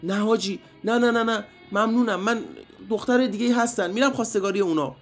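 A man voicing a shy, flustered young soldier in a children's story, stammering and eager, pitched well above his own voice. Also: soft background music, natural voice.

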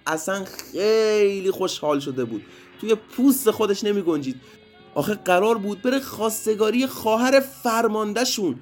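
A man narrating a story for children, lively and addressing the kids directly. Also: fairly high pitch. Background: faint music.

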